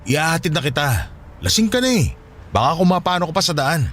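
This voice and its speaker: A man's voice: fairly high pitch, sing-song, a little fast, fairly bright tone. A man acting in a radio drama as a young man who pleads and keeps asking questions, then apologizes. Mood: pleading.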